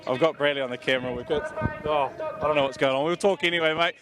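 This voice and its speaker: A man's voice: fairly high pitch, fast. Matey man with a broad Kiwi accent. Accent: New Zealand. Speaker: pit-lane interviewer. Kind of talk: casual interview chat. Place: outdoors in speedway pits. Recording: outdoor recording with faint vehicle noise.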